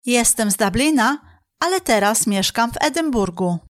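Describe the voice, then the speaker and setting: A woman reading short phrases slowly and clearly for a language lesson. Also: a little high, expressive, no room sound, studio quality. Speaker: phrase reader in the learner's language.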